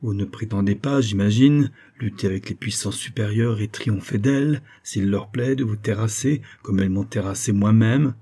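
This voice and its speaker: A man's voice: lowish voice, moderate pace, hardly any pauses, warm tone, husky. A man reading an audiobook, voicing a haggard male recluse who is convinced he is haunted and speaks with feverish dread.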